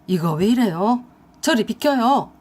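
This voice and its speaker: A woman voicing a young man caught out and pleading his case, defensive and husky. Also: on the high side, lively intonation, a little slow, a little mellow. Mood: angry. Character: evasive young man, cornered boyfriend.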